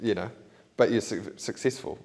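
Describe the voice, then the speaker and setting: A podcast host with a lowish, slightly mellow voice runs a casual interview chat at a normal speed. He thinks aloud in long, rambling turns packed with "you know" and "bro."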